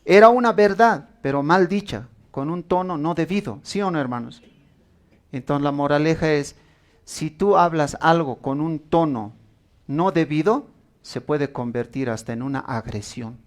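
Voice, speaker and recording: Predicador de voz algo aguda. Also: male voice, a little high, moderate pace. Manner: tells a story with acted quotes and asks the congregation questions. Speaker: preacher. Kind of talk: sermon.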